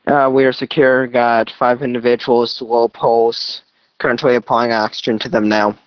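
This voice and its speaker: A man's voice: medium pitch, level tone, moderate pace, clear, resonant tone, no room sound. A male medic giving terse, procedural reports over a two-way emergency radio. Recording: dull lo-fi radio transmission.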